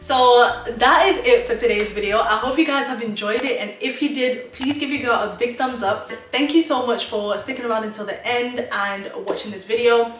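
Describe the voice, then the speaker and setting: A woman's voice: on the high side, normal speed, few pauses, a bit bright, far from the mic. A woman in her twenties, originally from Zimbabwe, giving emphatic, motivational life advice straight to her viewers in a chatty vlog. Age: 20s. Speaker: vlogger. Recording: roomy echo, mic set back, faint music.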